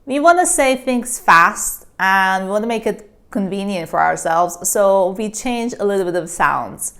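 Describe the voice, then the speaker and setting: Slow, patient woman teaching pronunciation. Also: medium pitch, animated, a bit bright. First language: Persian. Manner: patient, repeats each word several times; drawn-out careful pronunciation. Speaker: language teacher. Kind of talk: slow spoken language lesson.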